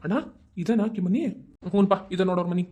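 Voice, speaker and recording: A voice actor playing scheming village brothers plotting a kidnapping in a cartoon, talking in quick, blunt village banter with a North Karnataka Kannada accent. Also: mid-range voice, fairly even intonation, over music, lightly acted. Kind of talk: amateur cartoon dubbing.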